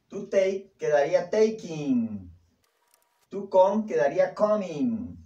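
Slow-talking man teaching English. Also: on the high side, mellow, muffled recording. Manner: repeats each English sentence slowly, then translates to Spanish. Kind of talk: language lesson. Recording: echoey room.

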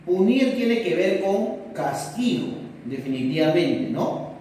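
A young male teacher, filmed from across an indoor whiteboard room, talks through a lesson in a fairly high voice at an unhurried pace. He keeps asking questions as if he were a student, answers them himself and checks in with tag questions. The sound is very echoey and a little distant. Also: very animated, dark tone. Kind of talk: classroom lesson recorded for distance learning. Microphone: camera across the room.

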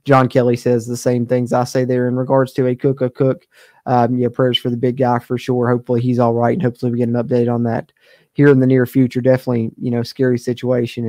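A man's voice: mid-range voice, warm tone, dry recording. A young man hosting a live postgame sports webcast from a home studio. He talks casually with many fillers and reads out chat comments. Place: home streaming studio, indoors. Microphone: studio mic close on camera.

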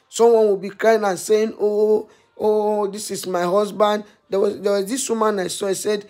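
A woman's voice: on the high side, breathy edge. Woman scolding in a preachy vlog. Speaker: vlogger. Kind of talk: impassioned commentary to camera.

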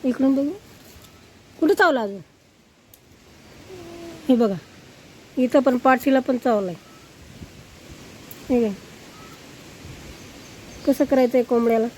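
High-voiced village woman chatting outdoors. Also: slow pace, pauses often, a little mellow, a little hiss or hum, poor audio. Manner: chatty, showing things to viewers. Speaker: vlogger. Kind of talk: casual village vlog.

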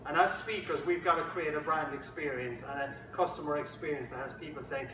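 A man's voice: fairly high pitch, steady tone, brisk, background noise. An Irish man giving a humorous keynote speech, full of jokey storytelling and playful asides, recorded from a distance in an echoey conference room. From Ireland. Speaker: motivational keynote speaker.

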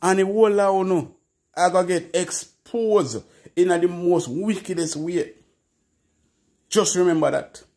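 A man's voice: sits high, a little slow, pauses often, darkish tone. A man with a Jamaican accent delivering an emphatic, preachy political commentary. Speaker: vlogger.

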